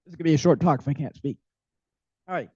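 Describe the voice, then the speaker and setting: A man talks very fast in a slightly high, husky voice with a darkish tone, giving an academic workshop talk as his voice fades. He hesitates constantly, with ums and restarts, and the muffled, dull audio has no echo.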